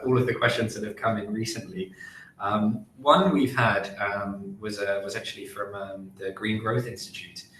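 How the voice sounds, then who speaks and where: Brief: male moderator, lowish voice, measured delivery, echoey call sound with faint hum. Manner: measured, reads audience questions. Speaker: webinar moderator. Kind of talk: moderating webinar Q&A. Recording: roomy video-call audio with faint hum.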